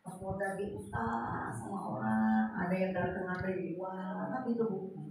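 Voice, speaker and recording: A woman giving an informal religious study talk, telling stories lively and acting out dialogue. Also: medium pitch, moderate pace. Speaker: religious teacher. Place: mosque gathering. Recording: echoey room, mic far off, noisy.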